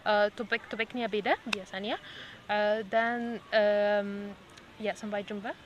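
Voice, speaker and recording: A woman's voice: medium pitch, steady tone, slow, dull audio. An Egyptian-accented woman, a native Arabic speaker, hosting a casual podcast in Indonesian as a foreign speaker. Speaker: podcast host. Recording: noisy background.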